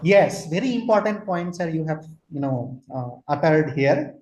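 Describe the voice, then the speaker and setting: A man's voice: fairly high pitch, expressive, moderate pace, darkish tone. A man in his forties from Kolkata with an Indian English accent, giving an online lecture, asking listeners questions and slipping into Hindi. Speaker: trainer, lecturer. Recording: roomy echo.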